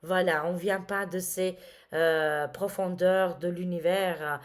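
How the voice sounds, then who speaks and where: A woman's voice: fairly low pitch, fairly even intonation, slow pace. A woman reading tarot cards to her viewers, talking casually and dramatically with many exclamations and fillers. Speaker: tarot reader.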